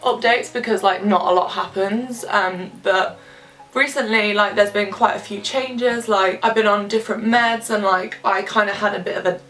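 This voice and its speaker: A vlogger of about twenty, a bit stuffy from a cold, chats candidly to the camera while doing her makeup, using plenty of filler words. Her medium-pitched, fairly bright voice stays fairly even at a moderate pace, and the low-quality recording comes from a camera some distance away.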